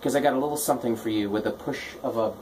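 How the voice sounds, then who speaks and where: A man's voice: medium pitch, very fast, noisy background. A man hosting a radio show with casual comic patter, tongue-in-cheek and self-deprecating. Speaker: radio host, DJ.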